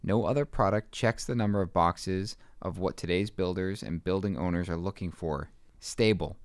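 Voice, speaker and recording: Podcast host, a man with a lowish, smooth voice and dry close sound, upbeat ad reader. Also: normal speed, no echo. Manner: upbeat ad reads and short reactions. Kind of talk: casual chat and read ad.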